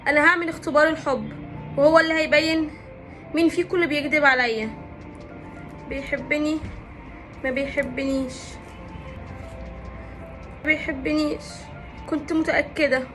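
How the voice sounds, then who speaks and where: A woman's voice: high-pitched, steady tone, normal speed, pauses often, music in the background, close to an everyday voice. A woman playing a naive, lovestruck young woman with an Egyptian accent, who talks dramatically. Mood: dramatic. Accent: Egyptian Arabic.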